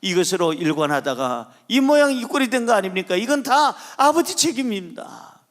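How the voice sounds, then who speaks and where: A man's voice: sits high, sing-song, normal speed. A male preacher voicing a resentful grown son in prison who blames his father, speaking in a bitter, accusing way.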